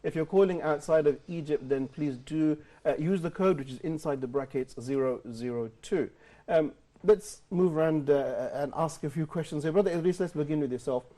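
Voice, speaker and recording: A man leads a live television talk show from the studio. His voice sits a little high for a man yet sounds mellow and warm. He frames each question with measured, emphatic phrasing.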